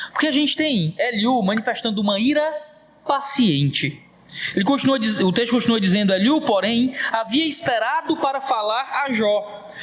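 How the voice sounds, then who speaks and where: High-voiced man preaching emphatically. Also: fairly bright tone. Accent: Brazilian Portuguese. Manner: emphatic preaching with repeated phrases. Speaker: pastor. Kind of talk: sermon.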